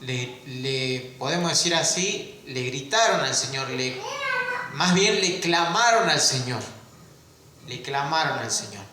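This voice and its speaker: In a very echoey church with a noisy background, a man preaches a sermon slowly in an animated, mid-range voice. He poses rhetorical questions to the congregation and stretches out key words.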